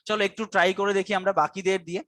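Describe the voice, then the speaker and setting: A man teaching an online exam-prep class in a high, bright-toned voice, recorded dry with no room sound. He mixes English terms into his speech and drills a memory chant again and again. He quizzes his students by name. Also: little pitch movement, quick pace, no echo.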